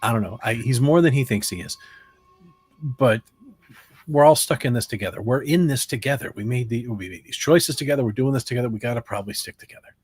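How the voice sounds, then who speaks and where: A man's voice: mid-range voice, fast, a little mellow, breathy edge. A man playing a tabletop horror game, speaking in character in an anxious, repetitive way. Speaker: player. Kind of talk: tabletop role-play, in character.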